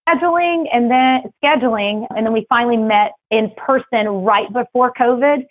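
A woman from the Philippines, raised in Texas, talking quickly and chattily as an interview guest, laughing often. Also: on the high side, no echo, narrow, tinny audio. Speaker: guest, business services rep. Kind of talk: casual interview.

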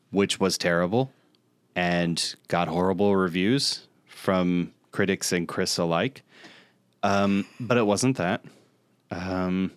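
A man co-hosts a podcast, chatting casually about video game movies and critiquing them with emphatic, mock exasperation. His voice is on the low side and smooth, captured in studio quality with no echo.

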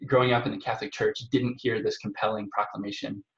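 A man from Nebraska talking conversationally as a podcast guest, in a halting way, repeating words as he goes. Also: fairly low pitch, little pitch movement. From Omaha area, Nebraska. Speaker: podcast guest, parish evangelization coordinator. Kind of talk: conversational personal testimony. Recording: slightly dull, roomy sound.

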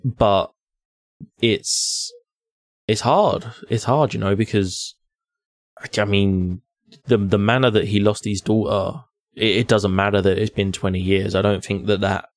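A man with a low voice chats casually as a co-host. He is hesitant, often restarting and repeating words as he thinks aloud. He is recorded dry and close. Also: steady tone, a little slow, no echo. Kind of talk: casual chat about a video game.

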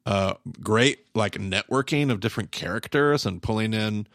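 Man, lowish gravelly voice, casual podcast commentary, emphatic, repetitive phrasing. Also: normal speed, fairly bright tone, dry recording, studio quality. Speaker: podcast co-host.

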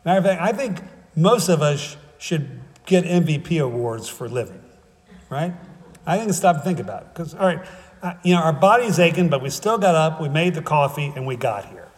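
A man's voice: fairly high pitch, animated, brisk, in a large hall. A man preaching a sermon in a casual, conversational way, with wry humor, often checking in with "right?" and "okay?".

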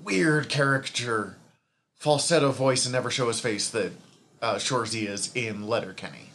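A man's voice: medium pitch, normal speed, fairly bright tone, a little hiss or hum. A man co-hosting a podcast in casual chat, rambling and swearing freely. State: hiccups from eating. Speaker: podcast co-host.

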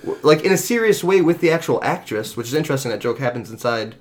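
A man talks in a relaxed, easygoing way, laughing often and swearing offhandedly. His voice is middle-pitched and ordinary. This is loose conversation between friends. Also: quick pace. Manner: laid-back, laughing, swears casually. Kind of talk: casual chat.

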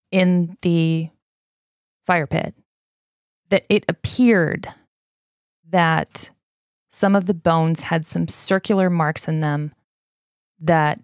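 Middle-aged woman host, casual and heated, low-ish pitch, dry mic. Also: no room sound. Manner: animated, gets heated and swears. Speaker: podcast host. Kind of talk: casual chat retelling a case.

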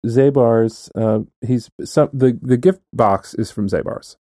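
A man's voice: medium pitch, slow, warm tone, no echo. A man co-hosting a podcast in casual chat, teasing his partner with wry, dry humor. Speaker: podcast co-host.

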